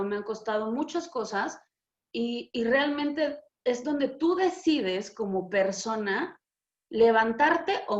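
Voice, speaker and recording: A Mexican woman hosting a spiritual channel, talking frankly and expressively in a casual way, with some swearing. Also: on the high side. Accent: Mexican Spanish. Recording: echoey room, dull lo-fi sound.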